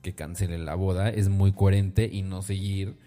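A man's voice: deep voice, steady tone, moderate pace, warm tone, soft background music. A man co-hosting a casual gossip chat, reading tabloid headlines aloud and bantering. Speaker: co-host.

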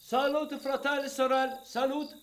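A man's voice: very high voice, little pitch movement, normal speed, slight background noise. A man playing a wily desert merchant who speaks broken Italian in a sing-song haggling manner, in a comedy sketch. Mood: sales pitch. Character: wily male desert merchant peddling junk.

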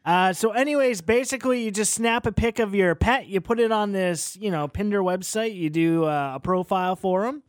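High-pitched man chatting on radio, dry sound. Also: normal speed, hardly any pauses, no room sound. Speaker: radio show co-host. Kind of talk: casual radio banter. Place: radio studio.

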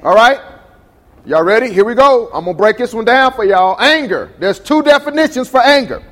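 Man, high pitch, pastor, preaching to a congregation, calls out questions, echoing sanctuary. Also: expressive, fairly quick, a bit bright. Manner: call-and-response preaching, asks the congregation questions. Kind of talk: sermon. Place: church sanctuary.

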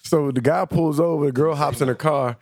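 A man's voice: on the high side, brisk, gravelly, a little mellow. A man on a podcast telling a street story casually, with many fillers and restarts. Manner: rambling, full of fillers and restarts. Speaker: podcast guest.

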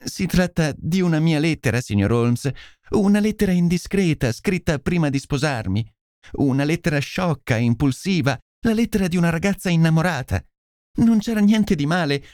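A man's voice: on the high side, darkish tone, no room sound, studio quality, voice pushed up, natural voice. A man voicing a desperate young noblewoman who pleads and confesses in tears, in an audiobook reading. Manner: pleading, breathless, imploring. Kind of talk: audiobook character voice.

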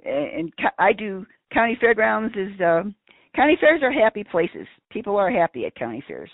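A woman's voice: medium pitch, very animated, normal speed, no echo. A woman who books county fair entertainment, giving advice in an upbeat way and laughing easily over a phone line. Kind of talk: casual phone conversation. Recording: dry tinny phone line.

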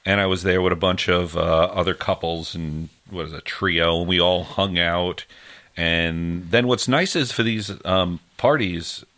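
Deep-voiced man chatting loosely. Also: steady tone, measured pace, sharp tone. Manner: rambling, trails off with many fillers. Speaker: podcast co-host. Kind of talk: casual chat.

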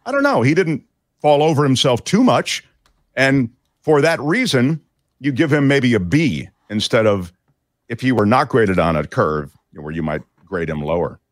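A man's voice: medium pitch, no room sound, studio quality. A man hosting a talk show, giving chatty, digressive political commentary with many fillers.

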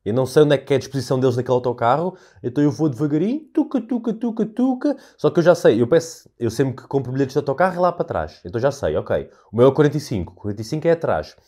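A young man with a European Portuguese accent hosting a solo podcast, telling stories in an animated, ranting way and swearing freely. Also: medium pitch, racing, few pauses. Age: young adult. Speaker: podcast host. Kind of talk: casual solo podcast monologue.

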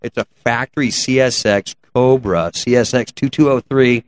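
A man's voice: mid-range voice, normal speed. A man chatting casually as an interview guest, telling car stories in colloquial, slangy shop talk. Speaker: guest, race car builder and shop owner. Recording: clear background noise and ambience. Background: ambient noise.

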